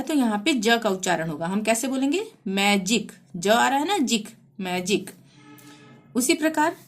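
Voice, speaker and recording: A woman teacher explaining pronunciation rules patiently, spelling out words letter by letter and repeating each rule. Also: a little high. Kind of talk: language lesson.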